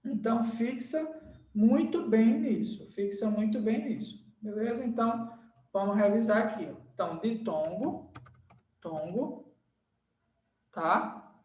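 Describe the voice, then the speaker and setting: A man's voice: sits high, takes it slowly, long pauses, darkish tone, recorded from a distance. A male teacher gives a grammar lesson at a board. He repeats words and checks in often to make sure the class follows. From Brazil. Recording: echoey room, voice off-mic.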